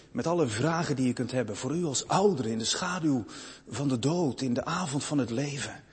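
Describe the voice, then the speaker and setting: A young man preaching a sermon to a congregation. He moves from hushed, slow passages to loud, fervent rises. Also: mid-range voice, breathy edge. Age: young adult. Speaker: pastor. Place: church. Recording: long reverb of a church hall.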